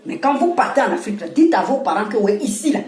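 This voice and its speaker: A woman with an Ivorian French accent, talking casually and scolding with animated laughs. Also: on the high side, fast talker, reverberant. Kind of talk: casual monologue to camera.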